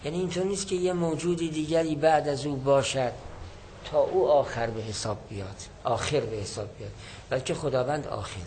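A man's voice: medium pitch, darkish tone, a little hiss or hum, rough recording. A man teaching a lesson, reading a classical text and explaining it line by line, repeating and rephrasing points. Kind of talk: lecturing on a classical Arabic text.

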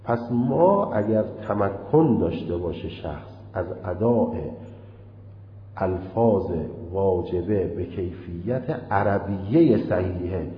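A man's voice: sits low, expressive, highs cut off. Man lecturing in an echoey hall. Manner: deliberate, chanting quoted recitations. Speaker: seminary teacher. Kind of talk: jurisprudence lecture.

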